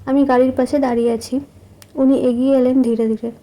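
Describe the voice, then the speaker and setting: A woman narrating a romantic story in the first person, soft, intimate and measured. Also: high-pitched, flat delivery.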